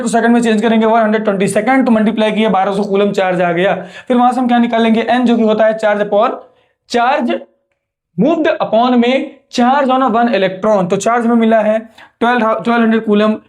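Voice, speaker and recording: A man's voice: very high-pitched, a little mellow. A young man with an Indian English accent, a teacher going step by step through exam sums, often putting a question to the class and answering it himself. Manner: explains step by step, asks and answers his own questions. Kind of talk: exam revision lesson.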